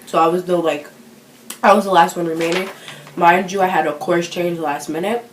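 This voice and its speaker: Teen girl rambling to camera, low voice, roomy echo, little hiss. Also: fairly even intonation, moderate pace. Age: teens. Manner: chatty, self-conscious, full of fillers. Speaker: vlogger. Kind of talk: casual chat.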